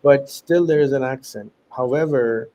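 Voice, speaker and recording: Through dull audio, a man from Pakistan speaks at medium pitch and normal speed with a mellow quality. He's an education founder guesting on a podcast, explaining his ideas sincerely in a relaxed interview, running through examples with fillers and false starts. His English is non-native with an American lean.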